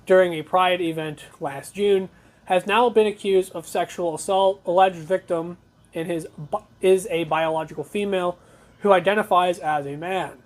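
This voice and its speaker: A talk show host giving blunt, conversational news commentary, reading reports aloud with opinionated asides. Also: mid-range voice.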